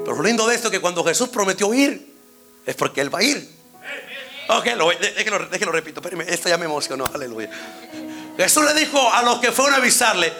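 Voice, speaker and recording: Impassioned high-voiced male preacher. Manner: impassioned, swings between shouting and low hushed lines; often interjects "aleluya". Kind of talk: Pentecostal-style sermon.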